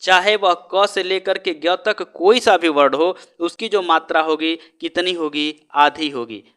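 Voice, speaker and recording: Male teacher, high and bright, asks a question and answers it himself, keeps checking in with the class. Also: a little slow, smooth. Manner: stretches out the sounds he teaches. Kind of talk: exam-prep lesson.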